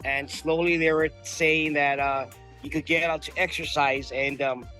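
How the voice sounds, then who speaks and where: A man's voice: a little high, fairly even intonation, normal speed, sharp tone, soft background music. A man from Hawaii, a custom painter and tattoo artist, telling his story as a guest in a casual interview. He talks in a laid-back, slangy way, with lots of fillers as he drifts from one point to the next.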